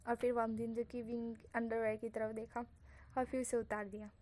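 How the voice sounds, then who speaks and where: A woman's voice: on the high side, level tone, a little fast, mellow. Woman casually reading a story aloud. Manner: chatty, self-conscious asides to listeners. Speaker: fan fiction reader.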